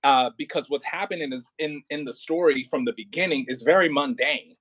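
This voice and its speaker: This audio play director and acting coach talks in an informal, casual way, pausing haltingly and repeating himself for emphasis. His voice runs on the high side and sounds a bit bright. There is no echo.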